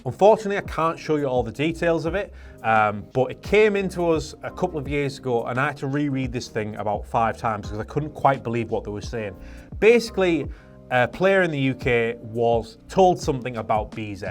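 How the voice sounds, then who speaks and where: A man's voice: medium pitch, animated, brisk. A British man presenting for a shop, casually reading out customer reviews in wry disbelief, with music behind him. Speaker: presenter for an airsoft and paintball shop.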